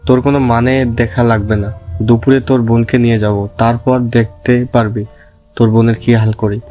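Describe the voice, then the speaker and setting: A man's voice: mid-range voice, level tone, moderate pace, warm tone, soft background music, lightly acted. A man playing a hostile, vengeful brother-in-law who threatens and sneers in an audio drama. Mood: threatening. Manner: threatening, contemptuous.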